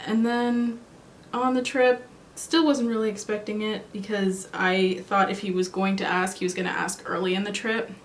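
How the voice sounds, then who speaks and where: A woman's voice: medium pitch, reverberant, a little hiss or hum. A woman in her twenties, chatting and rambling casually as she does her makeup for a vlog. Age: 20s. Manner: chatty, rambling, self-correcting. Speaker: beauty vlogger. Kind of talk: casual chat while doing makeup. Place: cold room at home.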